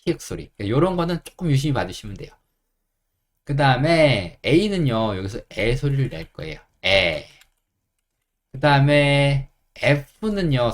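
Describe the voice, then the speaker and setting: A middle-aged man explains English pronunciation to complete beginners, breaking each word into single sounds. He speaks at a medium pitch with a lively rise and fall, calm and reassuring, and slows right down to model each sound. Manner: patient, repeats sounds slowly and reassures learners. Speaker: English teacher.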